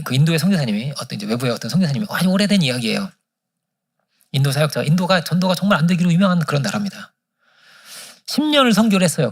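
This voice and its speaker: Animated, husky-voiced male preacher. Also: on the high side. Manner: animated storytelling, acting out quoted prayers. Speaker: pastor. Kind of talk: sermon. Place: church sanctuary.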